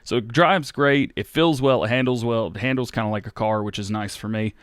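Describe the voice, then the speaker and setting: Fielding viewer questions on his gaming channel, this thirty-something American host reads each one out and wanders through his answers with plenty of fillers and false starts. He speaks fairly fast in a mid-range voice. The recording is clean studio audio without echo.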